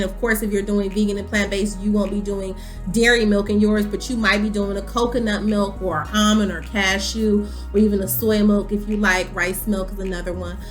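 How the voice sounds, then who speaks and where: A woman in her thirties chatting casually to camera as a vlogger, animated and full of ums. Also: mid-range voice. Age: 30s.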